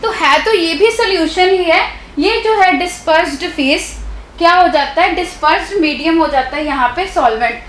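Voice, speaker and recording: A woman's voice: very high voice, normal speed, fairly bright tone, reverberant, a little hiss or hum, low-quality recording. A woman teaching a science class who keeps checking that her students follow along with questions to the class, speaking with a Hindi accent. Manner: explanatory, keeps checking understanding with rhetorical questions. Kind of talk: live online doubt-clearing class.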